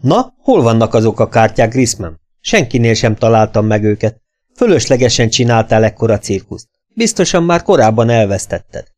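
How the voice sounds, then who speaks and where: A man voicing a stern adult male instructor at a boys' boarding school, barking harsh orders loudly in a raised voice. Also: mid-range voice, sing-song, natural voice. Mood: stern shouting. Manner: barks orders, harsh and commanding.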